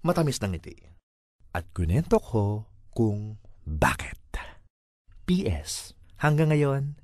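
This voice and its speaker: A man with a Filipino accent reads a first-person comic monologue as a voice-over, theatrical and exasperated in tone. His mid-range voice is darkish, recorded clean in a studio with no echo.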